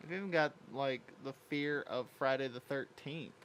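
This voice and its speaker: A man's voice: mid-range voice, normal speed, fairly bright tone, poor audio. A man co-hosting a podcast in casual, conversational banter. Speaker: podcast co-host. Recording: noticeable background noise.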